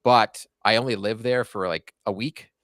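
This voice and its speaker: His voice is fairly low and bright, with fairly even intonation at a normal speed. A Canadian in his forties, he's a podcast guest loosely discussing his hockey channel, stumbling through fillers and restarts, in a dry, studio-quality recording.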